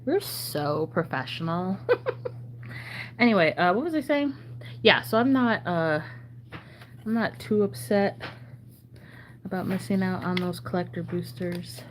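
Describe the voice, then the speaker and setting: A woman chatting casually and haltingly as a channel host, her throat sore and swollen-sounding, often needing clearing. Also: medium pitch. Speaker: trading card channel host. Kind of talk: casual chat while sorting cards. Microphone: phone camera. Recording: noticeable background noise.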